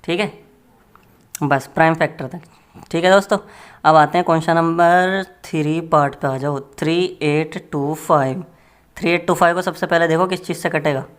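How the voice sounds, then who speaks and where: A man's voice: fairly high pitch, fairly even intonation, normal speed, smooth. A man teaching a maths lesson in a casual, joking way, chatting to his students as friends while working through problems. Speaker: maths tutor.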